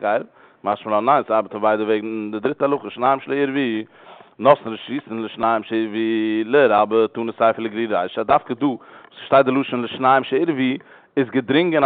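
Rapid-fire man on a tinny line. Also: medium pitch, dry recording. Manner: rapid, repetitive explaining. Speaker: religious law teacher. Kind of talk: religious law class.

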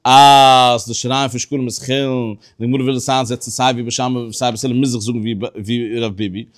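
A man at a middle pitch leads a Talmud study class. He explains point by point, stopping and restarting often as he works through each idea. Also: little pitch movement. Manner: halting and explanatory, with many restarts. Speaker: religious teacher.

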